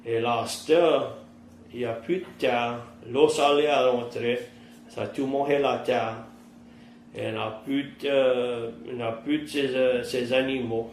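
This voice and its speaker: Cajun French man, 50s, plain-spoken interviewee, slow pace, faint background noise. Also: medium pitch, fairly even intonation, reverberant. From southern Louisiana, United States. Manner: plain-spoken, rural vernacular. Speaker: interviewee, trapper and fisherman. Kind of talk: oral-history interview, recounting past life.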